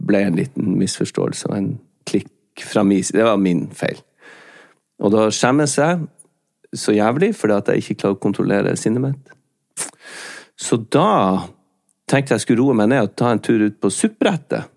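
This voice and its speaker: A man from Norway with a low, gravelly voice talks through a personal story in relaxed podcast chat. He stumbles and restarts often, circling back as he goes. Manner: halting and rambling, many restarts and fillers. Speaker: podcast co-host. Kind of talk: casual confessional chat.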